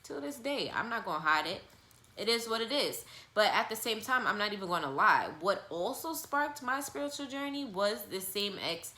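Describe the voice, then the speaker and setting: A woman's voice: mid-range voice, animated, normal speed, pushed and bright. Blunt young woman vlogger, echoey room. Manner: blunt, emphatic, repetitive, swears casually. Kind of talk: candid personal monologue.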